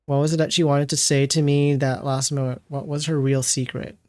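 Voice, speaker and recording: Slangy, excitable woman reacting to a game. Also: deep voice, brisk, dry recording. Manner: excitable, slangy, repeats words in disbelief. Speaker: game streamer. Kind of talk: casual live reaction to gameplay.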